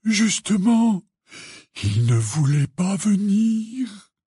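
A man's voice: mid-range voice, takes it slowly, darkish tone, no echo, clean studio sound. A man voicing a huge, anxious, tender-hearted half-giant in an audiobook, stammering and pleading. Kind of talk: audiobook character reading.

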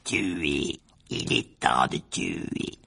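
A man voicing a cold, deadly, hungry unseen monster that speaks in a hushed, menacing way in a storybook reading. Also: extremely low pitch, expressive, drawn-out words, creaky, in a whisper, pitched below the performer's own voice, full character voice. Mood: cold menace.

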